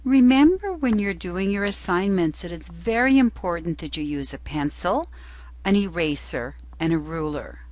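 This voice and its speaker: A woman's voice: fairly low pitch, lively intonation, normal speed, darkish tone, no room sound. A woman teacher giving an instructional lesson, explaining patiently and carefully, step by step. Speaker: music theory teacher.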